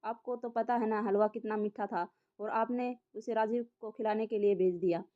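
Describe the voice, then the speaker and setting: A woman voicing a gentle, worried middle-aged mother. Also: medium pitch, steady tone, normal speed, natural voice. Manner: worried, explaining. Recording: slightly dull lo-fi audio.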